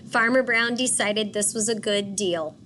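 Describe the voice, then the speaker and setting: A woman teacher reading a picture book aloud and pausing to ask children questions. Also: mid-range voice, fairly bright tone, slight background noise. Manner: patient, asks questions for children.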